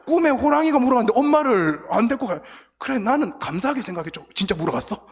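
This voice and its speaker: In a very high, fast voice with a breathy edge, the middle-aged guest pastor preaches to teens in the church sanctuary, bringing his stories to life by acting out crying and quotes. The church sound system feeds the booth recording, and the hall's reverb lingers long.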